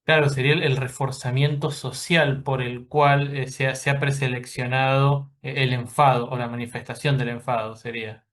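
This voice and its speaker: A man's voice: mid-range voice, flat delivery, moderate pace, hardly any pauses, a bit bright. Thoughtful male host, hesitant restarts. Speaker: podcast host. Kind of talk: conversational interview.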